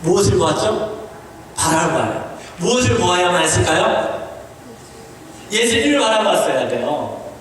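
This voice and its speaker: A man's voice: very animated, moderate pace, pauses often, a little hiss or hum. Man preaching in an echoey hall. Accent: Korean. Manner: swings between high emphatic lines and low quiet ones. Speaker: pastor. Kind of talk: sermon. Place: church sanctuary. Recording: echoey church hall, voice from a distance.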